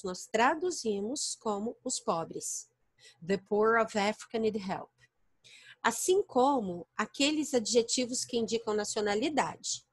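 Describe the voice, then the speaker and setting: A Brazilian-accented woman teaching an online class over a computer mic. She speaks at an unhurried, careful pace in a middle-pitched voice, explaining each point step by step and checking in with her students. The sound is dry and close, with no room echo. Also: breathy edge. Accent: Brazilian Portuguese. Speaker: English teacher. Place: home, online virtual class.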